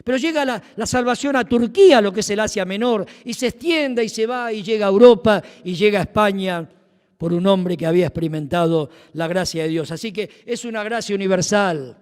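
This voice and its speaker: A man with a Rioplatense Spanish accent preaching a sermon, emphatic and swinging from loud to hushed. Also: sits high, brisk. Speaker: pastor. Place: church. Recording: long reverb of a church hall.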